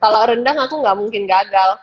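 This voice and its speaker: A woman's voice: mid-range voice, a little fast, slightly rough. Easygoing woman hosting, dull lo-fi audio. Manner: easygoing, switches freely between languages. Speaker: host. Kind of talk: casual live-stream chat.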